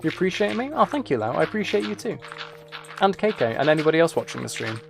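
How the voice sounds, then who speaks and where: His slightly high voice swings widely in pitch as the gaming and ASMR streamer rattles along quickly with vocal fry over music, casually rambling and answering viewers while he plays.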